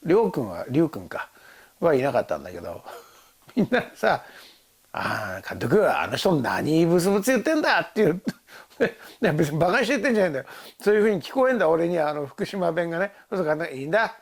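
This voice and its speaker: Husky older man telling a rambling story. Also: on the high side, sing-song, fast. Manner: rambling storytelling with laughs and quoted voices. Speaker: actor recalling a film shoot. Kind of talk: casual tipsy monologue.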